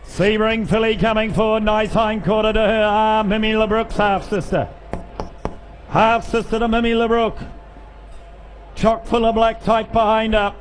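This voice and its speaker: High-pitched male auctioneer, noisy sale. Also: little pitch movement, unhurried. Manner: cajoling, repeats figures and prods bidders. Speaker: livestock auctioneer. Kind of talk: rapid auction chant with bid calling and sales patter. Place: public yearling auction sale, over noise. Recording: live sale with clear background noise.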